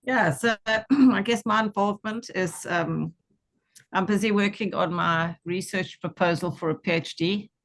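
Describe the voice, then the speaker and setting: A woman sharing reflectively in conversation, tentative and pausing to reformulate her thoughts. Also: medium pitch. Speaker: workshop participant and research student.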